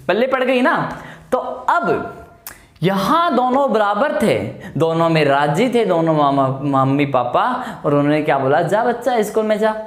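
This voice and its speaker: A male biology teacher giving an exam-prep lecture, asking his class questions and answering them himself, repeating key terms and using homely examples. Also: high voice. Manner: explains with homely everyday examples in a coaxing tone. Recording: echoey room.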